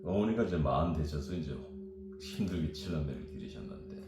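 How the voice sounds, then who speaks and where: A man in his fifties from South Korea, telling childhood stories in a rambling, animated way as a guest. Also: rumbling low, fairly quick, heavy background noise. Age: 50s. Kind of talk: storytelling chat. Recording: very echoey room with music behind.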